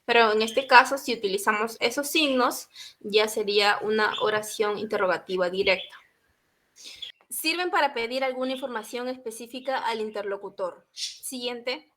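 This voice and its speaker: A woman's voice: on the high side, normal speed, a bit bright. A young woman from Peru, a university student giving a class presentation in an explanatory way, often adding a short tag question.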